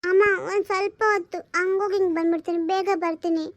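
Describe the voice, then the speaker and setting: A woman's voice: very high voice, level tone, fast, no echo. A woman voicing an earnest little sick daughter. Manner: pleading and questioning. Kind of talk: homemade family drama.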